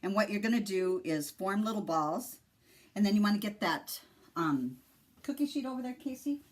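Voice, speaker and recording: A woman's voice: mid-range voice, animated, moderate pace. A middle-aged woman with an Upper Midwest American accent, hosting a casual home cooking demonstration and chatting as she explains each step. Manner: chatty and laughing, explaining steps. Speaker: home cooking show host, mother.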